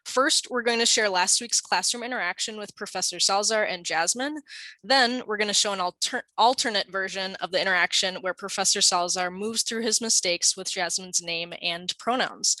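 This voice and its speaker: A woman narrating a training scenario in a measured, deliberate reading. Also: mid-range voice, sharp tone, no room sound, low-quality recording. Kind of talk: scripted narration.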